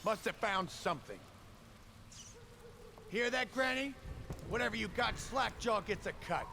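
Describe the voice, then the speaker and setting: Gravelly, taunting street-gang thug. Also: male voice, high voice, expressive, unhurried, full character voice. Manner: taunting, demanding. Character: bullying male street-gang thug extorting money. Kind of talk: video game character acting. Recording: distant, noisy game audio.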